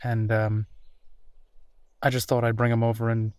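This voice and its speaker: This man's take on a friendly, easygoing werewolf is lightly acted, with a completely flat delivery at a moderate pace. His mid-range voice is smooth and a little mellow on a dry recording, as he talks casually and reassuringly with small hesitations in a one-sided roleplay audio drama conversation.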